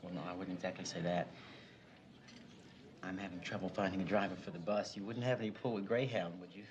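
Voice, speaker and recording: A man's voice: sits low, steady tone, quick pace, dull audio, a crowd in the background, close to an everyday voice. An actor playing a young male attorney general under pressure, speaking defensively in a television drama. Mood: weary. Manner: defensive, rising to insistent.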